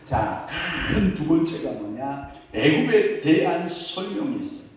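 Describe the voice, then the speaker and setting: A middle-aged pastor questions his congregation as he preaches, folksy and quick to joke about his own family. His voice rings through a very reverberant church hall. He sounds a little off the microphone. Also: fairly high pitch, very animated, a little mellow. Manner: asks the congregation questions and waits for replies; folksy, jokes and acts out family quotes. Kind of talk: Wednesday evening prayer service sermon. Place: church sanctuary. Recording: very echoey hall, mic at a distance.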